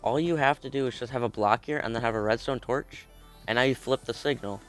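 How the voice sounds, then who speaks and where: A young man with a cold, a video creator, casually walks through a step-by-step tutorial on a game build in a chatty, informal way. His mid-range voice is fairly quick and fairly bright, with faint music in the background.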